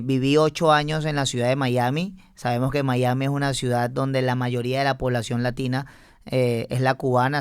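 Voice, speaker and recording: A man's voice: medium pitch, clean tone, dry recording, clean studio sound. Venezuelan man interviewing, probing questions. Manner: probing, follows up with many questions. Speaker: podcast host.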